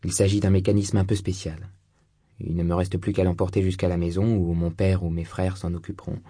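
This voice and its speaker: A man's voice: low-pitched, level tone, a little fast, warm tone, husky, dry recording, clean studio sound. A man voicing a blunt, suspicious young woman, a hunchbacked locksmith's apprentice, in an audiobook reading. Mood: prickly.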